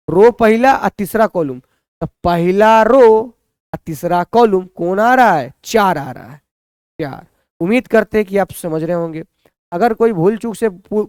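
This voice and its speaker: A man's voice: sits high, a little mellow, clean tone, no room sound, studio quality. A man teaching a maths lesson, who keeps asking the students questions and answering them himself.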